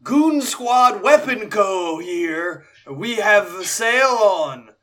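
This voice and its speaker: A man voicing a weapon-seller who shouts a sales pitch in a loud, magically amplified voice, like a town crier. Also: lively intonation, full character voice. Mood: booming. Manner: loud, drawn-out proclamation. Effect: magically amplified voice, booming town-crier shout.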